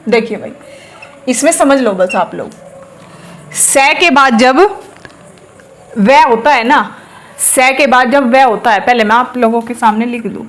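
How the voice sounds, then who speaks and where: High-voiced woman teaching spelling. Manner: explains patiently, repeats words slowly to drill pronunciation. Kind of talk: classroom lesson on a whiteboard.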